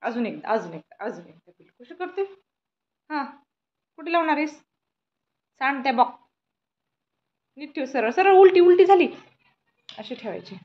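A woman's voice: high-pitched, big pitch swings, normal speed, long pauses, muffled recording. A young woman chatting playfully with a toddler in a home vlog, coaxing and teasing in a sing-song baby-talk voice. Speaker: vlogger.

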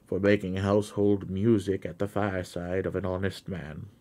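A man reading a classic story aloud for his stream, slow and deliberate, rising for the quoted lines. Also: low-pitched, little pitch movement, dark tone. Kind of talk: dramatic audiobook reading.

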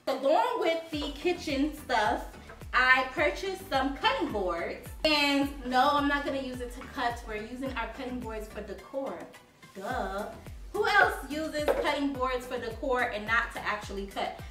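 Her voice sits high and sounds expressive and sharp, moving a little slowly while faint music plays. This young Haitian woman, seated on her living room sofa, chats casually to viewers in a haul video, cheerfully displaying home decor with lots of "like"s. The distant mic makes the recording roomy.

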